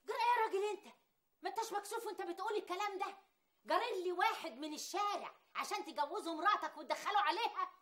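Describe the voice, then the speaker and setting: An actress playing a sharp-tongued middle-aged mother in a TV drama, with an Egyptian Arabic accent, scolding and quoting proverbs. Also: very high voice, animated, very fast. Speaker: mother-in-law in a family drama. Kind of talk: TV drama acting.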